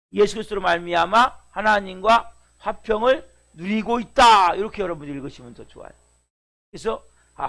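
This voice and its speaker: A man's voice: sits high, a bit bright. A middle-aged male pastor preaching a dawn sermon, asking rhetorical questions and repeating key words for emphasis.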